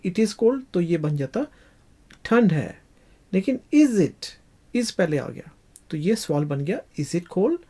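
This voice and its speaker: A teacher walks through an English lesson at an unhurried, deliberate pace, repeating every phrase and stretching out each English example. The voice is warm and somewhat husky, with a lively rise and fall in pitch.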